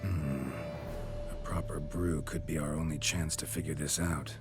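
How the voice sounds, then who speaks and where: A low, terse monster hunter. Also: male voice, fairly even intonation, unhurried. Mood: resolved. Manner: terse, clipped, matter-of-fact. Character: stoic, blunt monster hunter, grown man. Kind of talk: dramatic fantasy game acting. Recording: loud game music behind.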